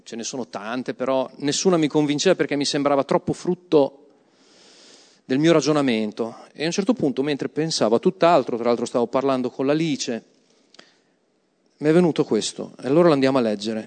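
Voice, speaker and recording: A man's voice: medium pitch, normal speed, a little mellow. A man preaching a sermon to a congregation, emphatic, having them repeat words after him. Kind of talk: sermon with Bible reading. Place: church hall. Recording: long hall reverb.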